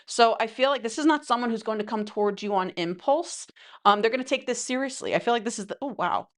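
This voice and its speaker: A tarot reader with a fairly high-pitched voice talks quickly through a casual, chatty reading. She wanders into rambling asides and leans heavily on fillers like "you know" and "right."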